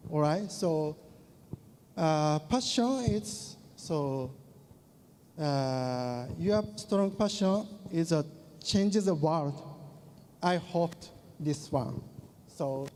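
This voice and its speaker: Halting man with a mellow voice. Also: on the high side, lively intonation. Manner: halting, many fillers, non-native phrasing. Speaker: speaker. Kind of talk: closing remarks to an audience. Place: large conference hall. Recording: hall reverb with faint noise.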